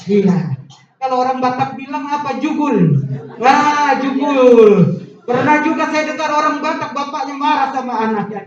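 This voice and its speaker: A woman with a high voice preaches a sermon, calling out questions for the congregation to answer and stretching key words into a singsong. She is picked up from a distance in a very echoey church hall. The sound is dull and muffled. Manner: call-and-response, singsong stresses, lively asides.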